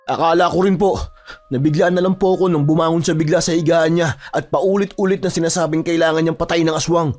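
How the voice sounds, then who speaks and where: A man's voice: on the high side, steady tone, fast talker, darkish tone, soft background music, close to an everyday voice. A man playing a distraught young man desperate to save his father, talking urgently and confronting others. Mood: tense.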